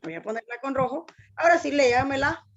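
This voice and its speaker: A woman's voice: sits high, expressive, brisk, lo-fi sound. A woman teacher giving an online language lesson, patiently explaining step by step and asking students to read aloud.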